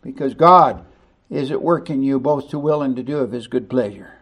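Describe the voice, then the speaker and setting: A man's voice: medium pitch, moderate pace, fairly bright tone. A male pastor preaching a sermon in an emphatic, conversational way, stressing words with bursts of volume.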